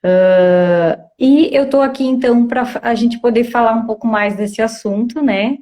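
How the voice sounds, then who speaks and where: A woman's voice: a little high, measured pace. A woman in her thirties, a psychologist guest, talking casually with many fillers. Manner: warm, hesitant, many fillers. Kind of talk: casual interview talk.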